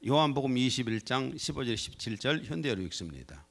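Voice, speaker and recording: A man's voice: fast talker, gravelly. A man preaching a Sunday sermon as pastor, talking animatedly and acting out quoted lines. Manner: animated, acts out quoted lines with shifts in pitch and loudness. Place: church sanctuary.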